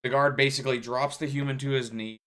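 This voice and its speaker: Young man, game master, tabletop narration, halting, filler-heavy, middling pitch. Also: steady tone, a bit bright.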